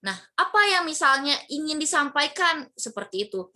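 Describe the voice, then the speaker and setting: A woman's voice: sits high, very animated, normal speed, bright, forceful tone. A woman teacher giving an online lesson to her class, explaining patiently with many fillers and rhetorical questions.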